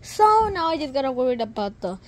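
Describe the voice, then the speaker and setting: A woman giving excitable, casual gameplay commentary, swearing and dropping to whispers while hiding. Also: high-pitched, fairly quick. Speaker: gamer.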